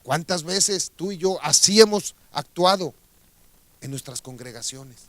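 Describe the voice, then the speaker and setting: A man's voice: on the high side, expressive, a little slow, a bit bright, dry recording. A man with a Mexican accent preaching a radio sermon, telling a story and asking rhetorical questions of his listeners.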